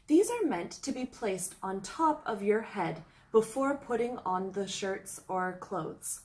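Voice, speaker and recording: A woman's voice: medium pitch, very animated, takes it slowly. A young woman from Canada narrating a scripted travel vlog, reading out a countdown list in an upbeat, explanatory way. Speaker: travel vlogger.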